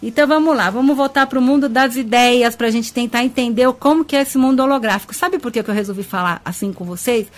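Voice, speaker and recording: A woman's voice: fairly high pitch, fast, few pauses. A woman radio host with a Brazilian Portuguese accent, chatty and affectionate, greeting listeners by name and laughing often as she talks about spirituality. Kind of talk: web radio talk show on ufology and spirituality. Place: radio studio.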